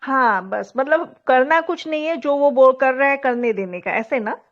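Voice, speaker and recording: A woman's voice: sits high, animated, normal speed, dull audio. A woman asking a spiritual teacher questions in a live session, searching for words and often starting over. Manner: hesitant, searching for words, many restarts.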